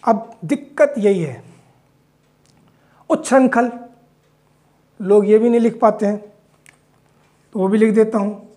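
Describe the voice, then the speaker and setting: A man teaches a Hindi spelling lesson, patiently explaining as he writes words out and frequently checking in with his class by saying "theek," with English phrases mixed in. His voice sits high with a dark tone, and he speaks slowly, pausing often.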